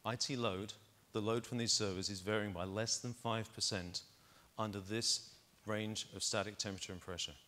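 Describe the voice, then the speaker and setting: A man's voice: fairly low pitch, fairly even intonation, normal speed, hardly any pauses, bright, forceful tone. A middle-aged man on a conference stage, talking into a lapel mic and walking the audience through test data step by step. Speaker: keynote speaker. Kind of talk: conference keynote presentation.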